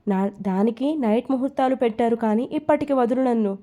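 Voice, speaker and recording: A woman's voice: on the high side, fairly quick, dark tone, lightly acted. A woman reading the part of an affectionate, teasing young husband in an audio love story. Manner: teasing, coaxing.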